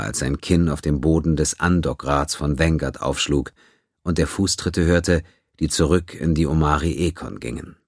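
A man narrating a science-fiction audiobook in a steady, even storytelling manner. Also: rumbling low, no room sound, studio quality.

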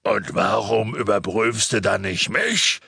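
Male narrator voicing a slow, raspy, bright-edged half-giant storybook brute. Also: on the low side, dry recording, clean studio sound, exaggerated voice. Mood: gruff protest. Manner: slow gravelly bellowing. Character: huge gruff half-giant man, blustering.

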